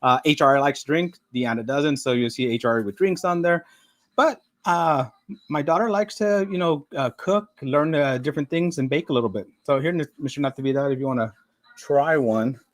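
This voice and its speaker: A man's voice: mid-range voice, normal speed. A middle-aged man hosting a live stream, chatting casually and rambling with frequent fillers, sometimes talking while eating. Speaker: livestream host.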